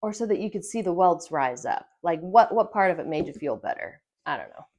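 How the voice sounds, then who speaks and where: Middle-aged woman vlogging her own story, low voice, earnest, lots of ums and restarts. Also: big pitch swings, a little mellow. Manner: emotional, earnest, halting with fillers and repetitions. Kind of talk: personal storytelling vlog.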